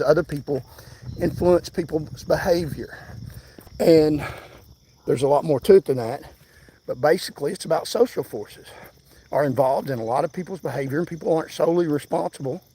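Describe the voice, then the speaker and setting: A man's voice: a little high, darkish tone, husky. Breathless older man livestreaming. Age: 60s. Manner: insistent, preaching to viewers. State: out of breath from jogging. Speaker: livestream host. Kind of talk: livestream commentary. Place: outdoors, on foot.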